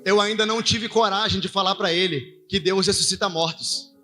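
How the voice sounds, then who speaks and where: A man's voice: high voice, steady tone, moderate pace, pushed and bright, soft background music. A married man preaching a sermon, telling a story to his congregation in a conversational way and calling listeners brother and pastor. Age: adult, married father.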